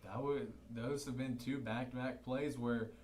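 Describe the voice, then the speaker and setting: A young man giving color commentary for a high school football livestream, explaining plays and reading out other scores. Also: steady tone, unhurried, darkish tone. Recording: roomy sound with noise.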